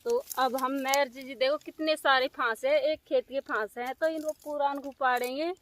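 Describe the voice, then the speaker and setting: A woman's voice: high-pitched, fairly even intonation, moderate pace, a bit bright. A woman chatting to her viewers as friends while vlogging farm and home life. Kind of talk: casual village vlog narration. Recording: noisy outdoor phone recording.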